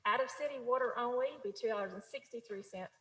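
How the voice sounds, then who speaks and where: A woman on city staff presenting a budget at a council meeting, reading out figures in a steady, businesslike way. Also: fairly high pitch, fast talker. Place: council chamber. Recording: echoey chamber with long reverb.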